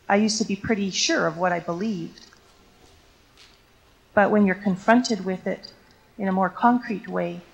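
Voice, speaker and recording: A Ukrainian-speaking Canadian woman, a teacher, responds to audience questions from a lecture stage, reflecting and telling stories with many fillers. Her voice is mid-range and creaky, and the recording sounds rough.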